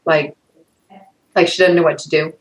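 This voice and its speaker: An older woman with a somewhat low voice talks through her memories in a session. She rambles and hesitates, often breaking into laughter. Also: fairly even intonation, normal speed, poor audio. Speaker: client in a healing session.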